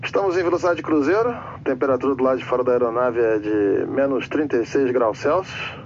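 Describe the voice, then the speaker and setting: A man's voice: mid-range voice, a little fast, muffled recording, a little hiss or hum. An actor playing a male airline captain who talks over the cabin intercom in a formal announcer tone, drifting into endless trivia. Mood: formal, rambling. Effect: pilot speaking over the cabin intercom. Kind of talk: comedy sketch.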